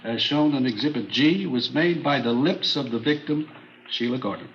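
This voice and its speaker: In a 1950s radio drama, a male actor plays a forensic chemist on the witness stand, testifying in a factual, measured, unemotional way. His medium-pitched voice sounds natural and a bit bright, though the old radio recording is muffled and noisy.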